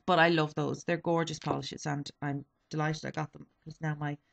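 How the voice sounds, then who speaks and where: In a casual product review, a young beauty vlogger in her twenties goes through a beauty haul, her voice sitting low, creaky, and flat at a normal speed. She sounds slightly sniffly and keeps saying um and correcting herself.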